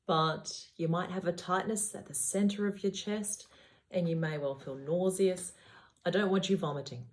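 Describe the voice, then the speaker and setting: Woman, low-pitched voice, surgeon explaining care to patients, matter-of-fact, reassuring, instructional. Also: darkish tone.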